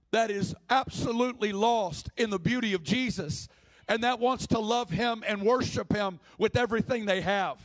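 A man preaching a sermon with passion, acting out the people in the story he tells. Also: very high-pitched. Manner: impassioned, acts out the people in the story.

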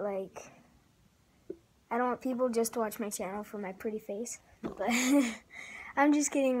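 A woman's voice: a little high, darkish tone. A young woman hosting her own casual homemade vlog off camera. She rambles and giggles, with lots of likes and ums. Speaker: vlogger. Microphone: off-camera voice, face not shown.

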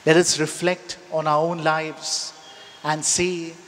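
A man in his thirties, a priest, reading and preaching solemnly in measured phrases with a cathedral-like echo. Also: fairly high pitch, flat delivery, fairly bright tone, a little hiss or hum. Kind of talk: Gospel reading and homily. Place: indoors in a church. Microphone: gooseneck lectern microphone. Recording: echoey church with long reverb.

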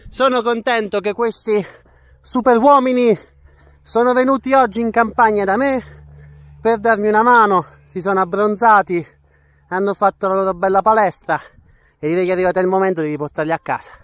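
With a high-pitched, fairly bright voice, a steady tone, and a slightly fast pace, the farming vlogger talks enthusiastically to his viewers. He records on a held or worn wide-angle action camera, outdoors on his farm plot and indoors in a small rural room.

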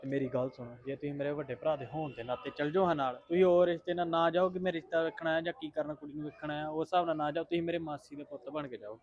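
A man acting as a protective, insistent brother in a family drama, quick-talking and fairly high for a man. The recording is dull and lo-fi with faint music under it. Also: fairly even intonation, lightly acted. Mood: reassuring. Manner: insistent, pleading, reassuring.

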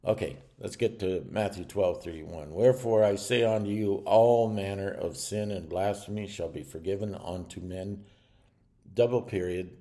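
An older man preaching a stern warning sermon to camera from a small room at home, earnest and halting with restarts. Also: low-pitched, mellow.

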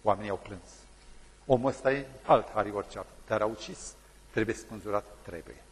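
A man's voice: lowish voice, slightly rough, big-room sound. A male pastor preaching a sermon, telling a story dramatically and acting out the people in it.

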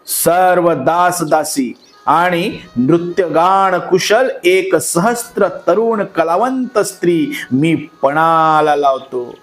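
A man voicing a dutiful, righteous young king who speaks in a measured, hesitant way. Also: on the high side, faint music behind. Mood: earnest, uneasy.

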